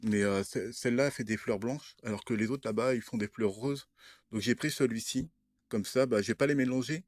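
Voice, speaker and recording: A man's voice: mid-range voice, fairly quick, dry recording, clean studio sound. A young man talking casually to camera, showing what he bought, hesitant with many fillers and restarts. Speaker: vlogger. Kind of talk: casual show-and-tell vlog.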